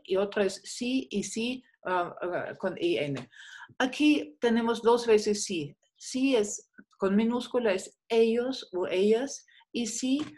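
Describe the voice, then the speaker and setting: A woman's voice: medium pitch, a little mellow. A woman teaching a class, explaining step by step, patient, with many fillers. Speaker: German teacher. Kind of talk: online class lecture.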